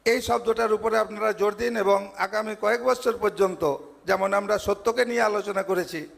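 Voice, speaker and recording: High, gravelly-voiced man preaching in a hall. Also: steady tone, moderate pace, fairly bright tone. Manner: earnest, builds points through repeated parallel phrases. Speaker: monk giving a speech at a devotee gathering. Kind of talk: devotional sermon. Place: large ashram assembly hall. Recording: long hall reverb.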